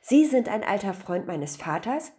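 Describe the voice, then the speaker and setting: A woman's voice: mid-range voice, sing-song, a little slow, warm tone. A woman voicing an earnest young husband in a storybook tale.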